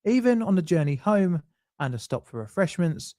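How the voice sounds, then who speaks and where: A man's voice: high-pitched, sing-song, moderate pace, mellow, dry recording, clean studio sound. Man with a scripted narration. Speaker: documentary narrator.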